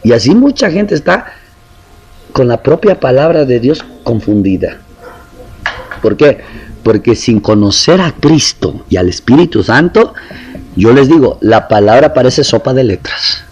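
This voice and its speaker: A man preaching a sermon, swinging from low murmurs up to high shouted appeals and acting out the voices of doubting believers. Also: slightly rough.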